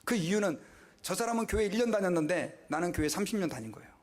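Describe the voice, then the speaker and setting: Brief: middle-aged man, pastor in a church, chatty preaching style, slightly raised pitch. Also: lively intonation, fast talker. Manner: conversational preaching with rhetorical questions and mock quotes. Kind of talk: sermon.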